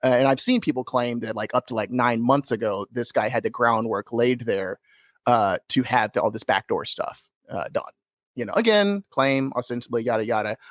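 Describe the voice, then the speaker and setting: A man's voice: mid-range voice, moderate pace, no room sound. A man with a mid-range voice co-hosts a casual podcast. He rambles, restarts his sentences and leans hard on his points. The sound is dry and close. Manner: rambling, emphatic, frequent restarts. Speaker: podcast co-host.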